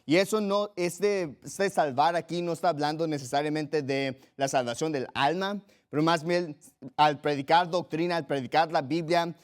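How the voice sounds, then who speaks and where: Guy preaching a sermon, earnest and emphatic, repeats stuff, voice a bit on the high side. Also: moderate pace. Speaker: pastor.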